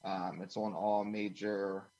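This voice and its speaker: A man's voice: lowish voice, slow pace, low-quality recording. A man from Washington, D.C., a band drummer and interview guest, answering casually with many uhs between phrases. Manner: relaxed, filler-heavy, uh between phrases.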